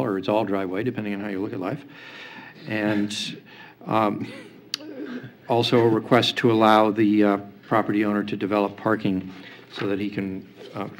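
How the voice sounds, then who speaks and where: A man chairing a public hearing, speaking in a rote, procedural official manner as he reads cases and puts formal questions. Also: fairly low pitch. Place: indoor public hearing room. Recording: noisy meeting room recording.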